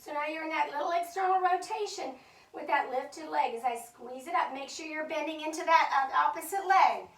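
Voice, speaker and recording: A woman's voice: sits high, brisk, fairly bright tone. A woman instructor leading a Pilates chair class, counting reps and encouraging the group, a little out of breath. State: slightly out of breath. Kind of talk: live fitness class cueing. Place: fitness studio. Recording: echoey studio from far off.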